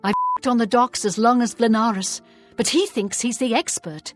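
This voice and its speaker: A woman's voice: fairly high pitch, expressive, normal speed, loud music behind the voice, lightly acted. A woman voicing an opinionated townswoman in a fantasy game, in scripted dialogue. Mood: griping.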